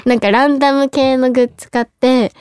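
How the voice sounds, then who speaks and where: A young woman hosting a radio show in a studio, talking fast and excitedly in a casual chat. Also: high voice, clean tone, no echo. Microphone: studio microphone.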